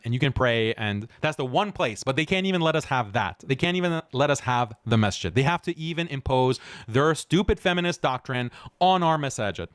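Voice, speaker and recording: Man, live-stream commentary, mocking, scornful, fairly high pitch, dry sound. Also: fairly bright tone, no room sound. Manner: mocking, scornful, laughs often. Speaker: online commentator.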